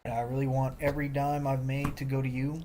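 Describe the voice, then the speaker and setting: A man's voice: medium pitch, little pitch movement, fairly quick. A man talking on a livestream, boastful and defensive, repeating himself as he rambles. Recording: loud music behind the voice.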